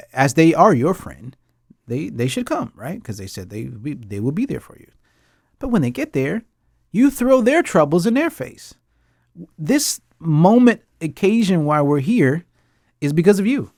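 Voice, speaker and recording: A host who is also an English teacher leads a casual talk about a TV drama, ranting emphatically, repeating himself a lot, and laughing often. His voice is a little high and a little mellow, recorded dry with clean studio sound.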